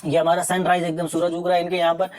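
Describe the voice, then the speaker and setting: A young man teaching an exam revision lesson, reading questions out slowly, then explaining with casual jokes and teasing scolds. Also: sits high, monotone.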